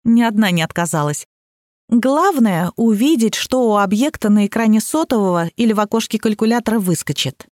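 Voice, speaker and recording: A woman's voice: a little high, lively intonation, brisk, a little mellow, no room sound. A woman narrating an audiobook with a wry, ironic storytelling manner, close to the mic.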